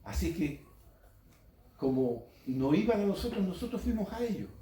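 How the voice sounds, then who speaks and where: A man's voice: high voice, sing-song, moderate pace, warm tone, echoey room, slight background noise, poor audio. A man preaching a sermon to his congregation in a folksy way, mixing jokes into the message and speaking straight to his listeners. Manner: folksy, joking, addresses the congregation directly. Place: church congregation.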